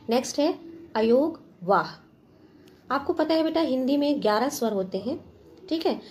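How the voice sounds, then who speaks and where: A woman teacher giving a grammar lesson to a class, patient and steady. She asks her students questions and then answers them herself, dropping in English words. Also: on the high side, a little hiss or hum. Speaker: school teacher.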